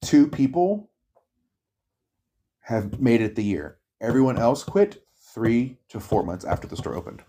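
A man telling work stories in casual chat, high and chatty, acting out the people he quotes. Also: animated, unhurried, dark tone.

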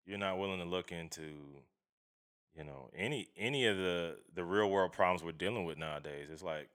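Casting: man, very low clear voice, emphatic and slangy, swears freely in casual opinionated conversation. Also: moderate pace, fairly bright tone. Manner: emphatic, slangy, profane, often seeking agreement.

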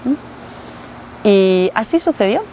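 A woman in her forties from Bosnia and Herzegovina, not a native speaker, telling her story in an interview with many fillers and pauses. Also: medium pitch, animated. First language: Croatian. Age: 40s. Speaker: guest, translator and guide. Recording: muffled with faint noise.

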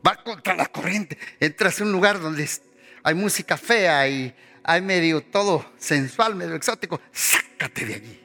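A man preaching a sermon with passion, repeating phrases and climbing in pitch as he acts out quoted voices. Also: moderate pace, vocal fry, sharp tone, soft background music. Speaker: pastor.

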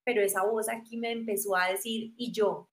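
A woman in her thirties with a Medellín Colombian accent, telling her story in a lively, casual interview. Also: mid-range voice, fairly quick. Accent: Medellín Colombian Spanish. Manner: animated, acts out quoted voices. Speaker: guest.

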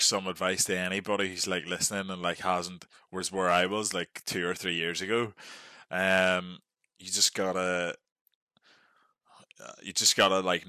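A deep-voiced Northern Irish man. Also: bright, forceful tone, no room sound. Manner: chatty, peppered with "like" and "mate". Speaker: guest. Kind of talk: casual podcast chat.

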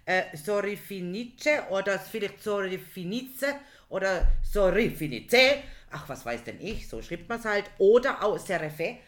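A woman chatting casually and joking in a lively back-and-forth. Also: medium pitch, moderate pace. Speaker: co-host. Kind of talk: casual chat.

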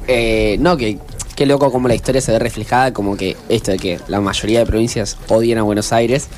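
A man with an Argentine Spanish accent co-hosting a podcast, quick and teasing. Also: on the low side, fairly even intonation, darkish tone, soft background music. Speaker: podcast co-host. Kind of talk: casual podcast chat.

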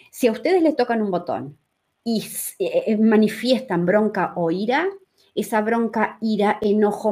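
A woman, a spiritual teacher giving a calm, explanatory live-streamed talk that puts questions to her audience. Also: medium pitch.

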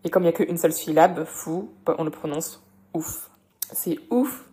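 A young woman hosting a casual podcast lesson, chatting and explaining slowly with many fillers and repetitions. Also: low-pitched, level tone, warm tone, slightly rough. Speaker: French teacher and podcast host.

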